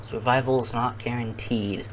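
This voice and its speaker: A challenge video host talking casually to viewers and thinking out loud in a halting way. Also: medium pitch, fairly even intonation, slight background noise, poor audio.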